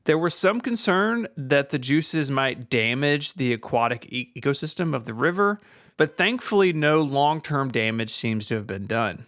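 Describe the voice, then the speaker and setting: A man co-hosts a casual podcast, swapping history facts in relaxed banter, laughing often, and reading a sponsor spot. His voice is medium in pitch and moderately paced, with clean studio sound and no echo.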